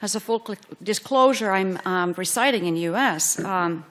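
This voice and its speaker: A middle-aged woman from Finland giving a scientific conference lecture, explaining carefully with many pauses and fillers. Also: mid-range voice, fairly bright tone. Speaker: physician researcher giving a conference talk.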